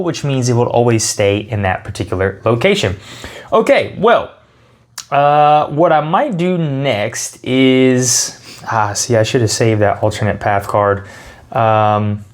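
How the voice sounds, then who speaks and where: A man hosting a casual tabletop game walkthrough, explaining the rules step by step and thinking aloud as he plays. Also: medium pitch. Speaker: host explaining and playing a card game.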